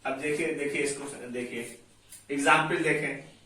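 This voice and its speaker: A man teaching English grammar, explaining each rule step by step and slowly repeating his examples. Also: mid-range voice, fairly even intonation, pushed and bright, distant mic, slight background noise. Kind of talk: slow classroom explanation. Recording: very echoey room, voice away from the mic.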